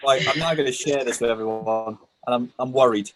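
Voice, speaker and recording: A man joining a casual live-stream chat as a guest over a video call, making quick, apologetic asides. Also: medium pitch.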